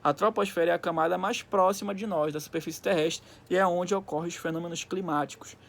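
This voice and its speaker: A man's voice: high voice, fairly even intonation, fast. A man teaches a recorded school lesson. He dictates in short segments as if students are following along in the textbook, explaining didactically and often adding little tags to check they are with him. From Brazil.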